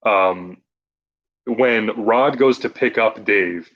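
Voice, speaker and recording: A man's voice: lowish voice, takes it slowly, muffled recording. A man in casual chat recommending movies, who laughs often and rambles with restarts.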